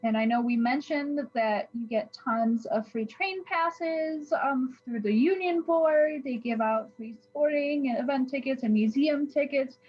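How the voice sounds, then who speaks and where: A woman's voice: high-pitched, unhurried, few pauses, darkish tone, muffled recording. Bubbly young woman, slightly raised voice. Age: young adult. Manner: bubbly, giggly, effusive. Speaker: student ambassador. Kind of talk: casual chat.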